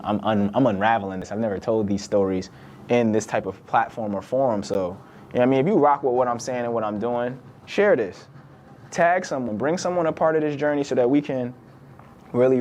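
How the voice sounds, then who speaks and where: A man's voice: medium pitch, darkish tone, a little hiss or hum. A young man, a podcast host from Virginia, talking in a loose, conversational solo monologue full of "like" and "right?". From born in the UK, raised in Virginia.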